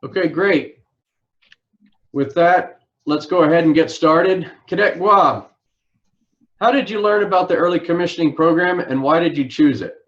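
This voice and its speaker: Officer hosting with lo-fi stream sound. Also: male voice, on the high side, moderate pace, a bit bright. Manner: orderly, polite, with frequent "uh" fillers. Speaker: ROTC recruiting officer hosting a live info session. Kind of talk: formal livestream presentation.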